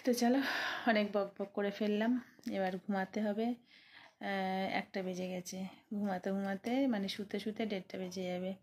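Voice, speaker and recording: A tired woman in her thirties with a Bengali accent, chatting quietly in a late-night vlog from her bedroom, keeping her voice low so she won't wake her family. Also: flat delivery, normal speed. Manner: speaking softly and quietly so as not to wake the household. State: sleepy and tired. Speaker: vlogger.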